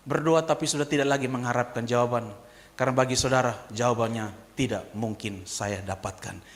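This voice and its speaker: A male pastor preaching a sermon, swinging from hushed whispers to shouted peaks and calling out questions for the congregation to answer. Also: mid-range voice, fairly even intonation, brisk. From Kupang, eastern Indonesia.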